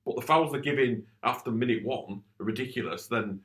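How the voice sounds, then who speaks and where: A man's voice: mid-range voice, fairly quick, a bit bright. A man, co-hosting a casual futsal club podcast, talking plainly with many restarts about refereeing frustrations. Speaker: futsal coach and podcast co-host.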